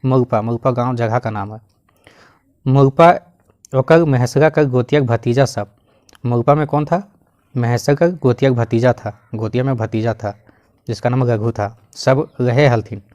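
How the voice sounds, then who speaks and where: A man teaching, who reads a line in a regional dialect and then explains it in plain Hindi, often coughing and clearing his throat. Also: medium pitch, measured pace, a little mellow. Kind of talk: explaining a Khortha text line by line.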